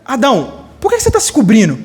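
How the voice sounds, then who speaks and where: A Brazilian man voicing God as a patient father who questions gently. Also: very high-pitched, wildly swooping pitch, fast, exaggerated voice. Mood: gentle.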